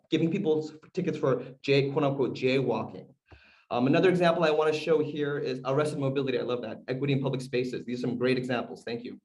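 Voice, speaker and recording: This American man, a community organizer whose native language is Korean, gives a talk on a video call in a medium-pitched, slightly mellow voice. He speaks conversationally with frequent fillers and questions, and the audio quality is poor.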